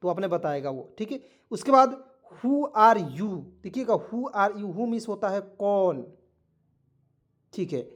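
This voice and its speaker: A man's voice: high voice, expressive, slow. A man with a Hindi accent teaching spoken English, spelling words letter by letter and checking in with his students. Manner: repetitive, keeps asking "ठीक है" and quizzing. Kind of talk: online spoken-English lesson.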